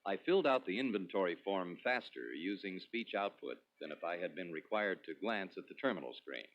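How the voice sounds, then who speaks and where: A man presenting a product demonstration in a scripted, instructional promotional narration with clearly structured delivery. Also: low voice. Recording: dull lo-fi 1980s demo recording.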